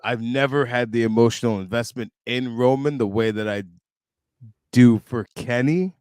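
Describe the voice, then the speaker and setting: A man in a casual group chat, animated and blunt, joking and swearing with his friends. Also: mid-range voice, moderate pace, clean tone, no echo, clean studio sound. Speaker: co-host and wrestling fan.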